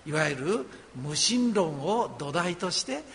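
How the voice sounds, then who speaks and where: A man from Osaka, Japan preaching a sermon as a pastor, earnest and conversational with gentle humor. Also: a little high, sing-song, slow, vocal fry, a little hiss or hum. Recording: long hall reverb.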